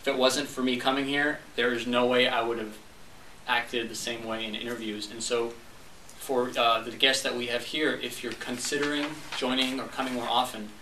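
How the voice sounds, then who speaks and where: A young man from Montreal who speaks French acts out dialogue while telling a humorous story in a club meeting room. His mid-range voice is bright and forceful yet flat in delivery, at a normal speed. He was recorded from afar in a roomy, echoey space with faint background noise.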